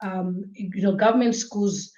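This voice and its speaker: A woman's voice: mid-range voice, steady tone, unhurried, warm tone. Woman, chatty guest, roomy echo, dull muffled call audio. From Zambia. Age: young adult. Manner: chatty, laughing, lots of ums. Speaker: guest, blogger. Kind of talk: interview answers.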